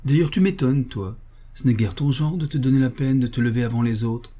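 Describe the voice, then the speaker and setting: A man's voice: medium pitch, brisk, dark tone, close to an everyday voice. A man reading aloud voices a rude, quarrelsome young man in the story. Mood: grumbling.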